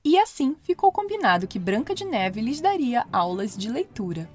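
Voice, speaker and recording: A woman narrating a children's fairy tale in an expressive, playful way. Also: on the high side, normal speed. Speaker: storyteller. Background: soft music.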